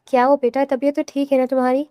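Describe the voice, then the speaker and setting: A worried, loving mother in an audio novel questions her son gently, as a woman narrator puts her on. The voice is high and close, with no room echo. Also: flat delivery, highs cut off, close to an everyday voice. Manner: worried, tender. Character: anxious, loving mother on the phone.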